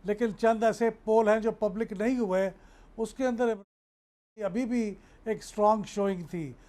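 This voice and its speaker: High-voiced man, mellow and cautious. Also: fairly even intonation, measured pace. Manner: cautious, agreeable, hesitant fillers. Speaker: journalist guest. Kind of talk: political talk show discussion.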